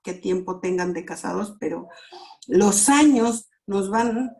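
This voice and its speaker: A woman's voice: medium pitch, vocal fry, a little mellow. A middle-aged woman teaching a church premarital class, repeating words and acting out prayers and sound effects. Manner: slow, repetitive, with sound words and acted prayers.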